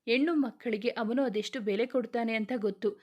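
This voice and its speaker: A woman's voice: fairly high pitch, a little fast, highs cut off, natural voice. A woman voicing a caring elder sister-in-law who soothes a younger man in a motherly way. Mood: tender, comforting.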